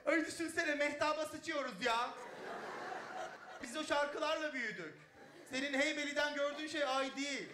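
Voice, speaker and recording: A man's voice: extremely high pitch, normal speed, heavy reverb, far from the mic, noisy background, pitched above the performer's own voice. A man voicing an effeminate, flamboyant man who complains fussily and sighs "ay" a lot, in a live stage set. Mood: whiny. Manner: camp, whiny complaining with frequent "ay". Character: effeminate flamboyant man, fussy and easily irritated.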